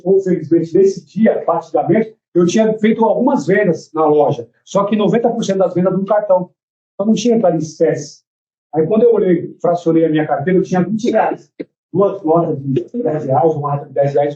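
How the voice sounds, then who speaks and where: A man's voice: high voice, dark tone, highs cut off. A man testifying in a courtroom, telling his story in a rambling way and acting out the dialogue he quotes. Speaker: testifying in a jury trial.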